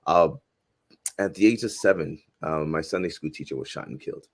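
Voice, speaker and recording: A man in his forties, originally from Haiti, speaks in a very low voice. He talks earnestly and thoughtfully as an interview guest, often starting a phrase over before finishing it. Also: fairly quick. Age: 40s. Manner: earnest, reflective, frequent restarts. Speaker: guest filmmaker and professor. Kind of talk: casual interview conversation.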